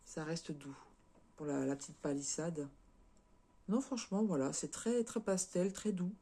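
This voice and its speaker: A woman's voice: low-pitched, a little slow, dark tone, husky. A French woman chatting casually as a craft vlogger, showing and unboxing cross-stitch kits, with lots of fillers and repeated words.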